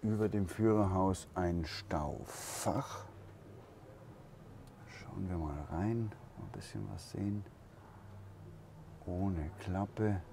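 Recorded within a camper van in a trade fair hall, a man with a low, creaky voice strolls through an unhurried tour while voicing his thoughts. There's a lot of noise behind him.

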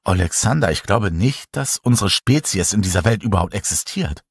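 A man's voice: deep voice, normal speed, breathy edge, no room sound, exaggerated voice. A man reading a thoughtful woman scientist. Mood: earnest, puzzled. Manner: thoughtful, explaining calmly. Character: earnest, clever woman scientist.

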